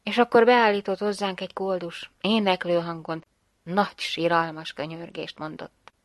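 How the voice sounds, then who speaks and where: A woman reading a story aloud in an expressive, measured narration. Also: fairly low pitch, no echo. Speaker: reader.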